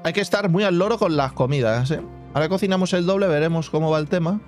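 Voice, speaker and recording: A man's voice: a little high, fast talker, a little mellow, soft background music. A man casually commenting on his own gameplay as a channel host, thinking aloud and humming little sound effects. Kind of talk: casual let's-play commentary.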